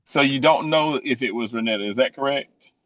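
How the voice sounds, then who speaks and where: A male defense attorney cross-examining a witness in court, pointed and deliberate. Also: mid-range voice, a bit bright, dry recording. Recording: dull, dry lo-fi courtroom audio.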